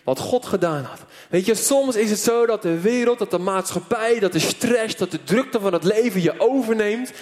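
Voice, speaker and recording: A man preacher telling a story in an animated sermon, full of fillers, before a church audience. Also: sits high, normal speed, few pauses. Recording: long hall reverb.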